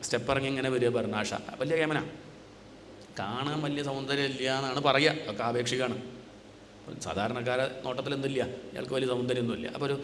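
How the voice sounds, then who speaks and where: Spiritual teacher, male, mid-pitched voice, answers his own rhetorical questions; long hall reverb, faint background hiss. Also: fairly even intonation, a bit bright. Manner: asks rhetorical questions and answers them himself; chants scripture lines slowly. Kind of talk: religious discourse. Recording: echoey hall with faint noise.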